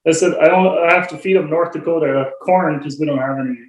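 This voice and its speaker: A man's voice: fairly high pitch, fast. A man, a podcast guest, talking casually and explaining things at length. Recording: echoey room.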